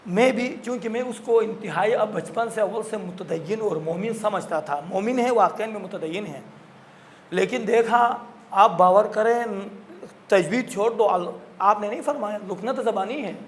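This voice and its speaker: High-voiced male recitation teacher. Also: a little hiss or hum. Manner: explanatory, repeats points, mimics stammered recitation. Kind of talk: classroom Q&A lesson on recitation.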